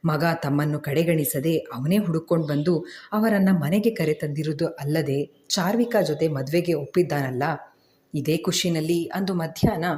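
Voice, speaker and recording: A woman narrating a family story in a steady, emotive storytelling style. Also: low-pitched.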